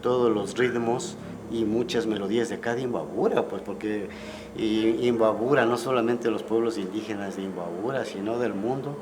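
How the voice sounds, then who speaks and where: A man, a guest musician recalling the past in a relaxed, storytelling way and often ending with tag questions. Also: fairly low pitch, normal speed. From Ecuador. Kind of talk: casual interview conversation. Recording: clear background noise.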